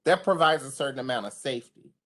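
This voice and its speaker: Over a video call, a deep-voiced woman runs an online training for service providers. She talks quickly, in a passionate yet conversational manner.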